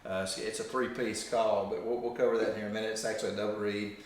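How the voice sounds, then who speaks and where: A man's voice: lowish voice, little pitch movement, racing, a little hiss or hum. Man in a very echoey room, explaining gear. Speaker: duck call demonstrator. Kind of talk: informal hands-on product explanation.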